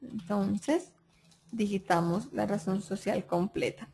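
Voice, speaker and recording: Woman walking through software steps. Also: mid-range voice, takes it slowly, creaky, a little hiss or hum. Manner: step-by-step explaining, frequent "entonces" and "listo", checks with "¿sí?". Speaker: software trainer. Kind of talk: screen-recorded software tutorial.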